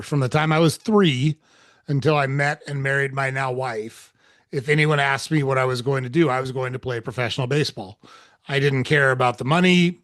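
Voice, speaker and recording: An earnest man lays out his views like a coach, as an interview guest. His voice sits at an ordinary pitch, and the recording is dry and close, with little room sound. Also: a bit bright, no room sound. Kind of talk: reflective interview talk.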